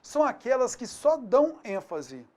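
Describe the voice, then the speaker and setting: A man with a Brazilian Portuguese accent teaching a grammar lesson for an exam prep course, colloquial and lively, checking in with quick tag questions. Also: very high-pitched. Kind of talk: recorded video lesson.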